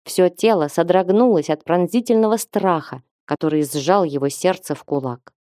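A woman narrating an audiobook in a steady storytelling manner, recorded close to the mic. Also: lowish voice, dry recording. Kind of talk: scripted narration.

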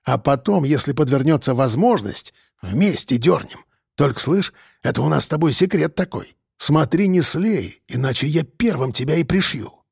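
A man's voice: on the high side, lively intonation, normal speed, creaky, darkish tone, breathy edge, no echo, studio quality, exaggerated voice. A man voicing a scheming, streetwise male convict who talks in slang and presses with questions. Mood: cocky.

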